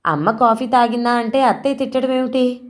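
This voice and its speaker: A woman's voice: a little high, brisk, pitched above the performer's own voice, natural voice. A woman voicing a grieving, defiant young daughter in a storybook reading, indignant and insistent.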